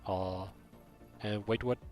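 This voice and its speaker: Taking his time, a young German streamer speaks in a low-ish, slightly mellow voice with fairly even intonation. He chats casually, reads chat, and keeps restarting a rambling story, with a slight German accent and soft background music.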